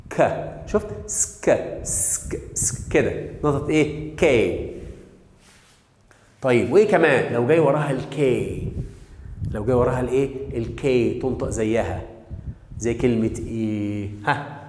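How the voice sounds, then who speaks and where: A man with an Egyptian Arabic accent teaching English phonics to children, firing off quick questions and drawing example words out slowly. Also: medium pitch, a little mellow. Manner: drills sounds with call-and-response questions, stretching example words slowly. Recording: echoey, reverberant room.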